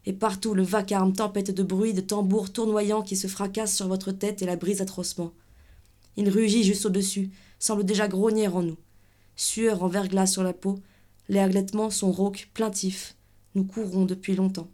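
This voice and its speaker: Woman, mellow-toned literary reader; measured, intense, clipped phrasing. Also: mid-range voice, little pitch movement. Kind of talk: dramatic literary reading.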